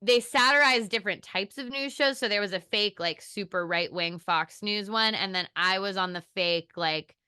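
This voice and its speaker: A young woman, an actor, telling stories in an animated, casual podcast chat. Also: mid-range voice, smooth, dry recording, clean studio sound. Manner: animated, quick storytelling with laughs.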